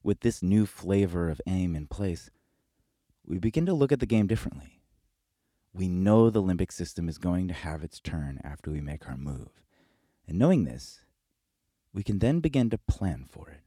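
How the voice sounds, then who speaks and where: A man narrates a scripted video essay in a low, husky voice. His delivery is measured and reflective. The recording is dry and close. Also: sing-song, warm tone, no echo.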